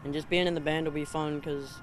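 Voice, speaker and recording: A man's voice: a little high, flat delivery, fast, faint music behind. A man who plays trumpet, talking plainly and matter-of-factly in an interview. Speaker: trumpet player.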